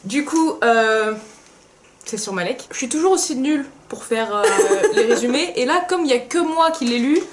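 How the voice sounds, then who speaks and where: A woman's voice: high voice, expressive, moderate pace, heavy background noise. A tired young woman co-hosting a book video, bubbly and self-mocking as she chats. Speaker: book channel co-host. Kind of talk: casual chat.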